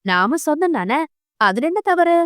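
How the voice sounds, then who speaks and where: A woman's voice: sits high, big pitch swings, a little slow, a bit bright, dry recording, studio quality, voice pushed up, heavily acted. A woman voicing a pleading, lovestruck eighteen-year-old girl. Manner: pleading, innocent.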